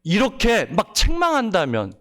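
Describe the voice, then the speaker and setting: A male pastor delivers a Sunday sermon with a fairly high, very lively voice. He preaches with feeling, asks the congregation rhetorical questions and swings between hushed low phrases and raised emphatic ones. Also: normal speed. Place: church service.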